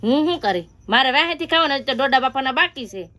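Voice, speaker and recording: A woman's voice: high-pitched, animated, fast talker, bright, forceful tone. A woman narrating a casual family cooking vlog by a wood-fire stove at her village home, chatty and teasing. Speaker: family vlogger.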